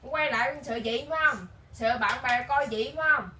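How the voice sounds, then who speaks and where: A woman's voice: a little high, quick pace, sharp tone. A mother, sternly scolding her child at home with question after question, filmed by a camera some distance away. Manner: stern, firing repeated questions. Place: room at home. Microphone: camera held by someone else some distance away. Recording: echoey room from a distance, faint hiss.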